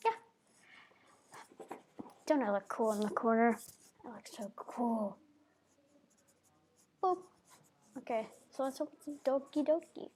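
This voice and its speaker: A woman's voice: on the high side, a little slow, pauses often, a little mellow. Playful gamer girl on a noisy stream. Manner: playful, silly, bubbly asides. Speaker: game streamer. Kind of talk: casual live gaming stream chat.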